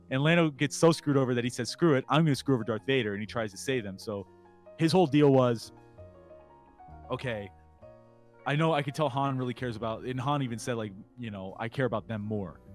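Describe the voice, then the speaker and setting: Man rambling through a movie recap. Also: mid-range voice. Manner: rambling, acts out film lines in quick impressions. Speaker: podcast co-host. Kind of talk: casual movie recap chat.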